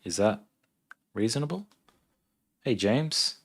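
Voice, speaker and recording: Speaking slowly with an animated, slightly rough voice, an Australian software engineer in his thirties livestreams casually. His pitch sits fairly low, and he's relaxed and chatty, reading questions aloud and working through his answers out loud.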